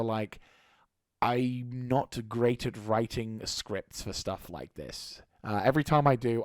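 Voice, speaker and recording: Here the same hoarse-throated man offers a loose, stop-start channel update for his gaming audience, frequently starting over. The recording is studio-clean and free of room sound, and his mid-range voice comes across a little mellow.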